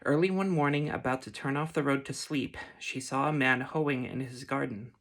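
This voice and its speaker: A man gently reading a fantasy story aloud in a soft ASMR style. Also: medium pitch, fairly even intonation. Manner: gentle, unhurried. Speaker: reader.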